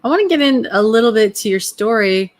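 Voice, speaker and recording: A woman's voice: a little high, lively intonation, a little fast. Woman, interview host, friendly easygoing questions, casual tone.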